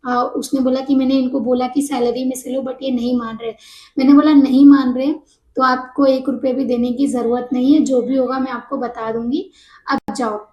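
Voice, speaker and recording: A woman casually telling a personal story to camera, animated and mixing English words into her speech. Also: high-pitched, moderate pace, roomy sound, poor audio.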